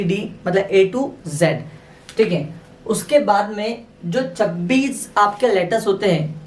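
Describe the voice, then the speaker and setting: A man teaching a spoken English lesson, often addressing his viewers as friends and drilling words by slow repetition. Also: sits high. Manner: addresses viewers as friends, checks with "theek hai". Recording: roomy echo, mic at a distance, faint noise.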